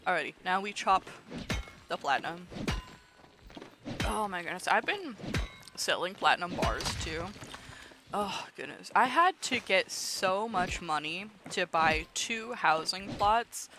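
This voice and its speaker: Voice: medium pitch, expressive, a little slow, background noise. A nonbinary streamer in their twenties chatting casually while gaming, swearing freely, laughing often and ranting with mock outrage. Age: 20s.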